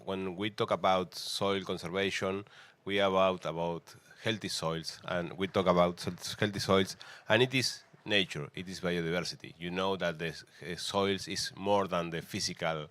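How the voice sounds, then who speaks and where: Argentine man, native Spanish speaker, very low voice, dry close sound, halting panel talk. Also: fairly even intonation, fairly bright tone, dry recording. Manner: halting non-native phrasing with many restarts.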